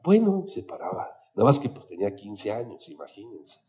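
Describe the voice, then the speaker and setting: A man with a Mexican accent giving an animated, chatty talk on psychology, telling anecdotes as he goes. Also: on the low side, a little fast. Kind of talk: storytelling lecture.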